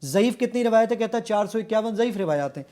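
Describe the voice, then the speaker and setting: A man with a Pakistani Urdu accent and a notably high voice walks through features one step at a time. He sounds eager and explanatory, speaking as a guest in a television studio. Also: lively intonation, mellow. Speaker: app developer and guest. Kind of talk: product demonstration on a TV show.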